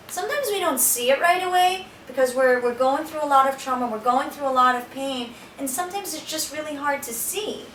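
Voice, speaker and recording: Bright-voiced woman telling her story. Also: sits high, slight background noise. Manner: earnest storytelling with frequent restarts. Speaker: speaker giving a talk. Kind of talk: personal testimony talk. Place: small shelter room. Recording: echoey room from a distance.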